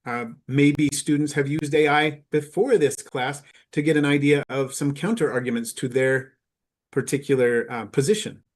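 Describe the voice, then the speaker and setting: A man giving a conference presentation to teachers, explaining in a measured way with frequent filler pauses. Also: on the high side, steady tone.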